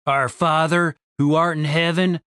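A man voicing a gentle, pious young man who speaks softly and earnestly. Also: fairly high pitch, level tone, unhurried, clean tone, no echo, studio quality. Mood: reverent. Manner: soft, earnest, praying.

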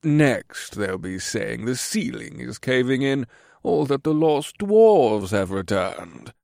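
A man's voice: medium pitch, sing-song, slow pace, creaky, darkish tone, no echo, clean studio sound, full character voice. A man voicing a smug, scornful courtier in an audiobook, with an oily, sneering drawl.

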